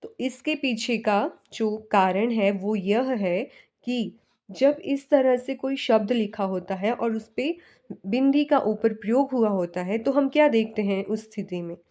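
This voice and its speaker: A woman's voice: on the high side, a little slow, dark tone. A woman teaching a Hindi lesson in a classroom style. She asks a question and then answers it herself, and she drills each sound one by one.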